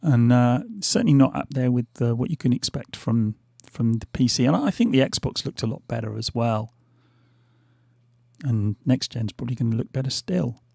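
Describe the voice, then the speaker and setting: Over his gameplay, a middle-aged gaming host offers casual, hesitant commentary crowded with fillers, his gravelly voice fraying as it keeps giving out. The voice is mid-range and warm at a moderate pace. Captured close and dry on a desk mic with headphones, there is no room sound.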